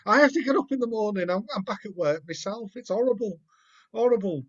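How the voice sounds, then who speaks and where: A man's voice: sits high, lively intonation, brisk. Host, man, rambling and encouraging, muffled video-call audio. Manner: rambling, encouraging, repeats words. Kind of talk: casual chat.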